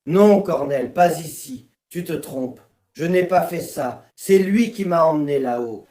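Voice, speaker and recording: A man's voice: fairly high pitch, measured pace, dark tone, close to an everyday voice. A man playing an anxious, pleading friend. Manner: pleading, anxious, repeating himself. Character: nervous friend pleading he is innocent.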